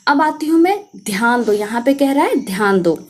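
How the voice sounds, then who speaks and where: High-voiced woman teaching grammar. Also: animated. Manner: repeats reminders to note things down; stretches out example words slowly. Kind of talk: exam-prep grammar lesson.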